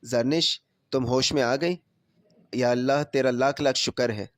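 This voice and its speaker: A man's voice: mid-range voice, fairly even intonation, dry recording, studio quality, natural voice. A man voicing a tearful young husband. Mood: grieving. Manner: soft and tearful.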